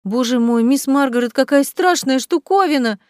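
Lady reading as a chatty young maid, all gasps and exclaiming, highish voice, dry sound. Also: normal speed, no room sound, lightly acted. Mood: eager.

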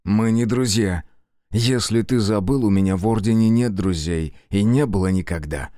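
A stern, bitter young man in a storybook, asking questions curtly and coldly, as a man reads him. His voice sits a little low and sounds dry and close. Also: normal speed, dark tone, no echo, close to an everyday voice.

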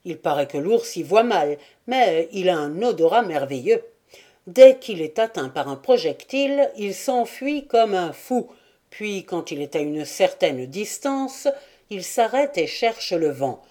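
A woman's voice: lowish voice, big pitch swings, unhurried, mellow. A woman voicing a brash young Parisian hunter. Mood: insistent.

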